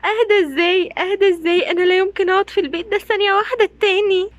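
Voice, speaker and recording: A woman voicing a jealous, suspicious teenage girl doll in doll play, speaking fast and insistently with an Egyptian Arabic accent. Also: high-pitched, animated, fairly bright tone, lo-fi sound. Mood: upset.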